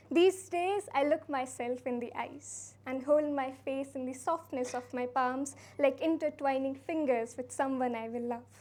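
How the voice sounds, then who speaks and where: A young woman with a high, light voice reads her slam poem gently and earnestly. She is from India and takes her time, letting each line land softly at a college poetry event. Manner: soft, earnest, unhurried delivery. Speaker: slam poet. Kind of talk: spoken word poetry performance.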